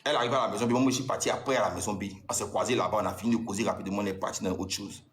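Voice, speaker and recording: A man speaking very fast, in a fairly low voice with a steady tone, angrily addresses his ex with accusations and frequent repetition. His accent is Ivorian French, and the audio has a roomy sound.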